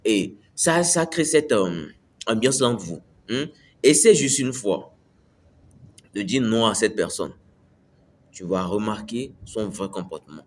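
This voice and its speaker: A man's voice: fairly low pitch, expressive, slow, a little hiss or hum. A man giving a casual motivational talk to camera, repeating his points and checking the listener follows. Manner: conversational, repeats phrases, asks "tu me suis". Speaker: self-improvement video host.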